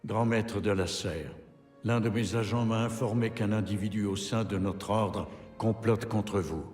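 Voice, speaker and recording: An actor solemnly reading a formal letter as a male voice-over in a game, with soft music behind. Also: fairly low pitch, fairly even intonation, measured pace, reverberant, big-room sound, lightly acted.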